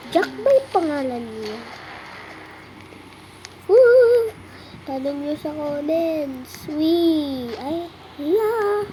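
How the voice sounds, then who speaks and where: High-voiced, excitable game streamer. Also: slight background noise, rough recording. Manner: excitable, teasing chatter with frequent exclamations. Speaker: gameplay streamer. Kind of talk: casual game commentary.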